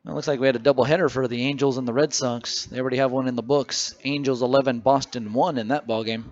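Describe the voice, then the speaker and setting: A man's voice: fairly even intonation, quick pace, highs cut off. Man calling baseball play-by-play. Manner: conversational, reads stats between pitches. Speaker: play-by-play announcer. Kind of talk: radio baseball commentary.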